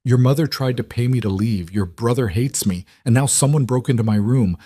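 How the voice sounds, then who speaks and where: A man's voice: mid-range voice, fairly quick, mellow, slightly rough, no echo, clean studio sound, close to an everyday voice. A man voicing a frightened young woman caught in mob danger, pleading and tearful, in an audiobook character reading.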